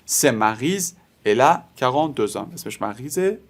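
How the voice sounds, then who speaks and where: A man whose first language is Persian, teaching a beginners' French lesson, explaining step by step and slowly repeating example words. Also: medium pitch, lively intonation.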